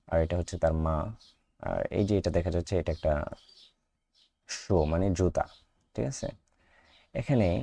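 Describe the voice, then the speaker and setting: A low-voiced man with a Bangladeshi Bengali accent, teaching young pupils English. He speaks in an unhurried, dark tone, stretches English phrases out word by word and drills sounds again and again. His voice sounds close and dry. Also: no room sound. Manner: switches to slow, drawn-out English phrases and repeats sounds for practice; asks the class questions and answers them himself. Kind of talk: class five English lesson explained in Bengali.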